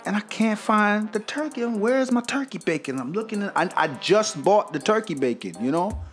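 Slangy, animated male stand-up comic. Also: sits high, normal speed, faint music behind. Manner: slangy, animated, acts out the characters. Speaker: stand-up comedian. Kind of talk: stand-up storytelling.

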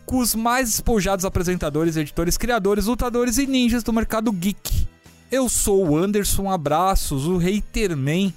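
Playful podcast host, lively voice. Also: male voice, sits high. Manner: playful, teasing. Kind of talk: casual podcast banter.

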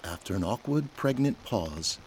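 A man with a low voice narrates an audio drama, reading scripted scene descriptions with a very lively, varied delivery at normal speed. Background noise is clearly audible.

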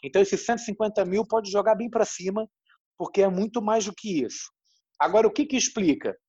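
A Brazilian man from Rio de Janeiro, a journalist with a husky voice, explaining his views at length in an interview. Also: sits high, brisk, darkish tone, no echo, dull audio. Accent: Rio de Janeiro Brazilian Portuguese. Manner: explanatory, thoughtful, frequent "né?" tags. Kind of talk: interview answers.

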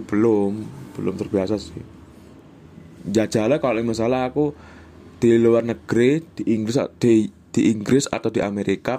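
A man's voice: mid-range voice, mellow. A young Indonesian man with a Javanese accent, hosting a casual solo podcast and rambling as he mixes in Javanese and English phrases. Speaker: podcast host.

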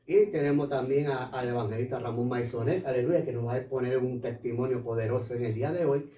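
Brief: male church radio host, mellow tone, peppers every line with hallelujahs, echoey room, distant mic. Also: mid-range voice. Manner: fills pauses with hallelujahs. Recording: roomy sound, distant mic.

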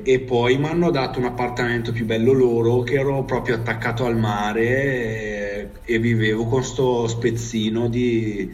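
A man with a northern Italian accent telling stories in casual chat, rambling and slangy, with swearing thrown in. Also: on the low side. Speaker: storyteller recalling life abroad. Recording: distant mic.

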